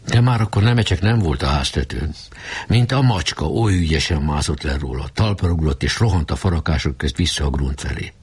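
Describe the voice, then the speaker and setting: A deep-voiced male narrator reading a storybook aloud with a husky, breathy grain. His pitch moves in a lively, animated way. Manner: expressive reading. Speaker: audiobook narrator.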